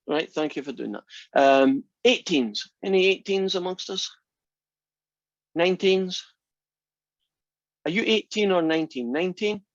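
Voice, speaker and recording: Over a video call, a man in his sixties teaches math in an unhurried high voice, pausing often. His style is chatty and warm, and he frequently checks in with "right?" His computer mic gives a dry, dull, lo-fi recording.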